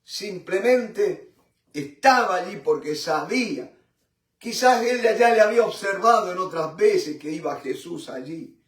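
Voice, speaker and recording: A man teaching a Bible study in a fervent sermon style, repeating tag questions and addressing listeners as brothers, with halting restarts and swings in loudness. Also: high-pitched, animated. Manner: fervent, repeats "mi hermano" and "¿no es cierto?". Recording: roomy echo from a distant mic.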